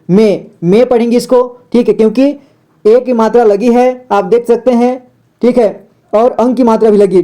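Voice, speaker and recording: A man's voice: very high-pitched, mellow. A man teaching a step-by-step reading lesson, patient, repeating words and asking the viewer questions.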